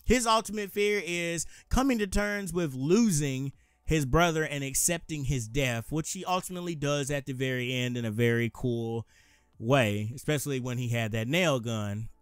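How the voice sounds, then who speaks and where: Smooth-voiced man rambling about movies. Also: medium pitch, normal speed, no echo. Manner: rambling, self-correcting, upbeat. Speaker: co-host. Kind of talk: casual movie discussion.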